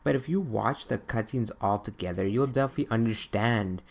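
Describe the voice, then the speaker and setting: A young man with a lowish, gravelly voice talks briskly through a countdown of his gaming favourites. As a video creator, his commentary is casual and meandering, full of questions he asks himself.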